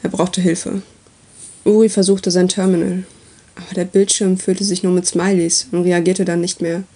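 A woman reading a story aloud as its narrator, with steady, even delivery. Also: on the low side, normal speed, husky.

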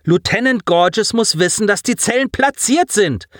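A man doing a brash shouting chubby boy. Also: high-pitched, big pitch swings, normal speed, no room sound, studio quality, pitched above the performer's own voice. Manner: cheeky, shouting.

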